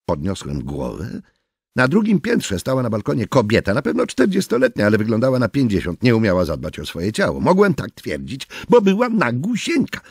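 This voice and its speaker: A man narrating a first-person story as an audiobook with a very animated, expressive delivery. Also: fairly low pitch, fairly quick, creaky, breathy edge, no echo, clean studio sound.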